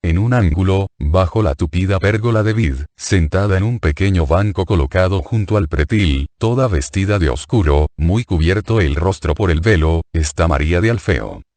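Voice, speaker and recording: A man reads a religious book aloud in a steady, even narration. His voice is very deep. The sound is dry and close to the mic. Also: moderate pace, hardly any pauses, no echo. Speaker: audiobook reader.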